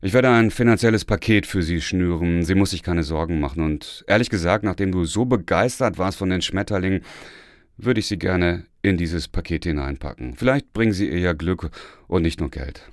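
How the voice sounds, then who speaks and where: A man voicing a sad, earnest middle-aged man who speaks calmly. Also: low voice, moderate pace, no room sound, clean studio sound, lightly acted.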